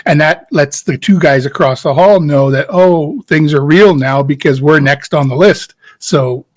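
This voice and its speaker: A man's voice: a little high, measured pace. A middle-aged actor telling a set story in an interview, acting out his own past reactions in a frantic voice. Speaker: guest actor. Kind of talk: animated anecdote in a casual interview.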